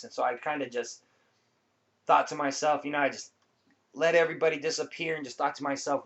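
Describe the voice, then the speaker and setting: A man talking casually to viewers as a vlogger, explaining things in a laid-back, rambling way. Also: mid-range voice. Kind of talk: casual informal talk to viewers. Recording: dull lo-fi sound.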